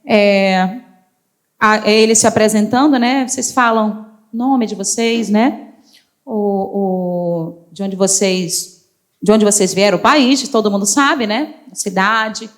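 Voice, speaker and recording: A woman's voice: medium pitch, takes it slowly. A woman hosting a church gathering, chatting to the congregation with frequent tag questions. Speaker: church host. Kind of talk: church talk.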